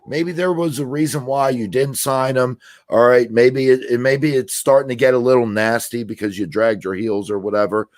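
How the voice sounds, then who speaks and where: A man's voice: mid-range voice, fairly even intonation, moderate pace, no echo. A man co-hosting a sports podcast, laying out an argument point by point in an assertive, casual way.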